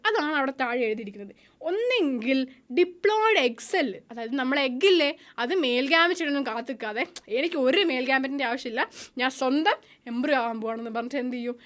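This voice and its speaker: Woman biology tutor, high voice, rapid delivery, answers her own questions. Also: fairly bright tone. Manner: asks questions and answers them herself; mixes English terms into speech, reads English definitions slowly. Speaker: biology teacher. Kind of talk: online exam-prep lesson.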